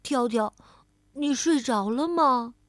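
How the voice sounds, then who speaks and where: A woman's voice: high-pitched, takes it slowly, dry recording, studio quality. A woman voicing a young male rabbit in a children's storybook, a grumpy but caring friend. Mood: gentle.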